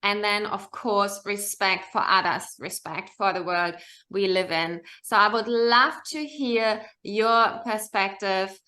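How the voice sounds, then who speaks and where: Podcast host lady, bright voice, slow and gushing. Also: medium pitch. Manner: effusive, enthusiastic. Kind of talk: interview hosting.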